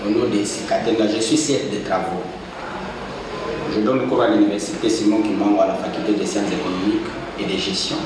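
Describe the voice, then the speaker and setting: A man's voice: on the low side, fairly even intonation, fairly quick. A man, a university economics lecturer, giving formal, explanatory interview answers. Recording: echoey room, far from the mic, noisy.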